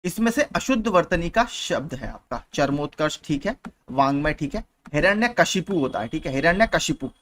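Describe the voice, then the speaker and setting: A man's voice: on the high side, expressive, normal speed, a bit bright. A young man teaching as a channel host, patiently working through exam questions one by one and often repeating key points. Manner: patient, repeats points, frequent "theek hai" checks.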